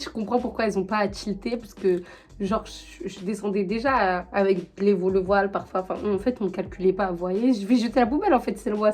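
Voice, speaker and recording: A young woman telling a personal story to her viewers in a chatty, animated way, full of slang and fillers, with a high voice. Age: young adult. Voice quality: high-pitched. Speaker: vlogger. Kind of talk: casual storytelling to camera.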